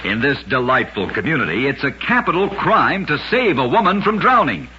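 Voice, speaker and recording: A radio host narrates short oddity stories in a dramatic, emphatic, scripted style, his voice a little high, very animated and sharp-toned at a normal pace. The vintage recording is noisy, band-limited and dull-sounding.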